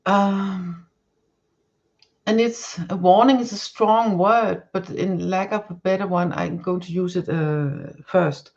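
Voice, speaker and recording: Her voice fairly low and darkish, a tarot reader speaks slowly with fairly even intonation while reading cards on a live stream. Danish is her first language, and she searches for words, restarting often and using many fillers. The recording has its highs cut off.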